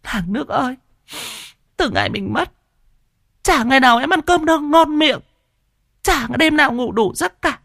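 Casting: man playing a wailing widow in a high falsetto, pleading. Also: big pitch swings, normal speed, creaky, long pauses, pushed and bright, dry recording, studio quality, exaggerated voice. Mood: tearful. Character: weeping widow, middle-aged woman.

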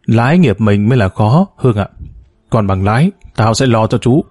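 A man voicing a gruff, bossy older businessman in a spoken story. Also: on the low side, lively intonation, moderate pace, a little mellow, no echo, studio quality.

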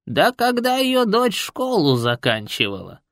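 A man voicing a grumpy, shrewd old village man with a creaky, gruff voice in an audiobook. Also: sits high, wildly swooping pitch, measured pace, fairly bright tone, dry recording, clean studio sound, voice pushed up, heavily acted. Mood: storytelling. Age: older. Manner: folksy, blunt storytelling. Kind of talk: audiobook character voice.

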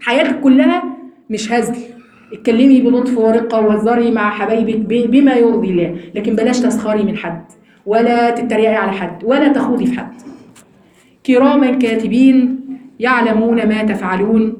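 A woman with an Egyptian accent teaching a Quran lesson to women, explaining quickly and slowing down to recite verses. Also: fairly high pitch. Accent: Egyptian Arabic. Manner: fast, animated explaining, slows for recitation. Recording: echoey room.

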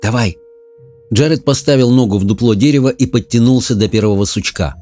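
A man reading an audiobook in an even, measured manner. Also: medium pitch, soft background music. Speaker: narrator. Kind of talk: audiobook narration.

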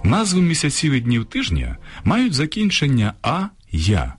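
A man presenting a scripted radio talk on grammar, reading out word lists in a measured way. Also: mid-range voice, huge pitch swings, over music. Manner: measured, lists examples slowly. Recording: radio studio broadcast.

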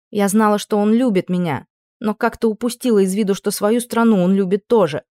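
Low-voiced woman reading an audiobook. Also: no room sound, clean studio sound. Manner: expressive, emotional reading. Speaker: audiobook reader. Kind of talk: first-person audiobook narration.

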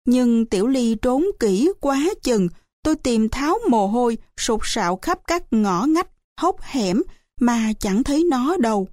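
A woman narrating an audiobook in the first person, in a measured, unhurried way. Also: fairly high pitch, lively intonation, a little mellow, no room sound, clean studio sound. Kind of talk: storybook reading.

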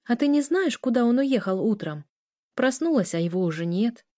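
A worn-out young woman expecting a baby, talking in a soft, weary voice, as a woman reads her. The voice is mellow and dry, close to the mic. She sounds drained and a bit sulky. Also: a little high, big pitch swings, normal speed, dry recording, pitched above the performer's own voice. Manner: weary, complaining softly. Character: tired young pregnant woman, student, gentle.

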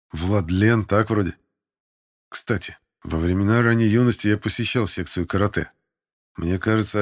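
A man reading a first-person novel aloud in a wry, conversational narrating manner. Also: lowish voice. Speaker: audiobook reader.

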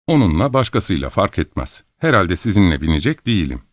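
A man's voice: deep voice, very animated, a little fast, no echo, studio quality. A man voicing a playful, mocking young princess in an audiobook reading. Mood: teasing. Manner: mocking, coquettish.

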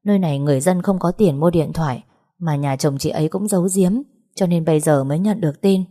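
A composed young village teacher speaks in a low, warm, steady voice, as a woman narrator reads her. She is calming and patient. It is audiobook storytelling. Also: fast.

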